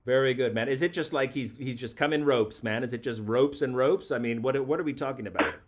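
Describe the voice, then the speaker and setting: A man hosting a late-night comedy call-in show, mid-pitched and unhurried. He talks in a mock-grandiose, rambling way. He keeps circling back over his own phrases as if savouring them.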